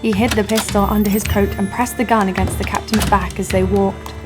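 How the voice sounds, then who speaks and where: Over instrumental background music, a woman with a medium-pitched, natural voice delivers first-person audio drama narration, flat and fairly quick. She is an actress voicing a bold young female adventurer who recounts her tale with dry, sarcastic wit.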